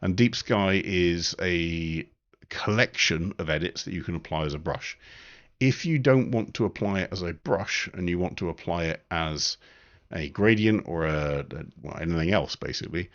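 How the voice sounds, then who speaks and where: A man giving a live-streamed photo editing tutorial, relaxed and thinking aloud with frequent ums. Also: deep voice, muffled recording.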